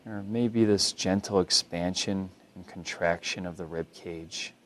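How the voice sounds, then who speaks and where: A calm, unhurried man with a low-pitched voice walks the listener through a body scan. He speaks as a mindfulness instructor, offering gentle guidance.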